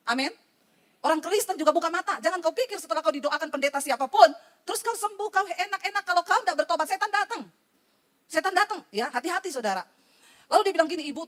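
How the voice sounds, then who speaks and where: A woman pastor preaching a sermon to her congregation, talking colloquially and directly to them and acting out the people she quotes. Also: high voice. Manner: lively, colloquial, addresses the congregation directly, acts out quoted voices. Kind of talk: sermon with storytelling.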